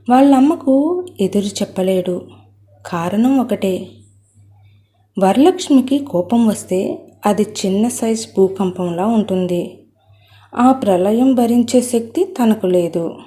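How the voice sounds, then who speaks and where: Brief: woman narrator, scripted family story, warm mellow tone. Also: medium pitch.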